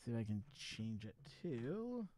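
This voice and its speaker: A man's voice: mid-range voice, big pitch swings, a little slow, dark tone. A man hosting a casual live stream, chatting loosely to his viewers as he tinkers with his gear. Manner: rambling, chatty, talks to his viewers while fiddling with gear. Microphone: wireless USB microphone.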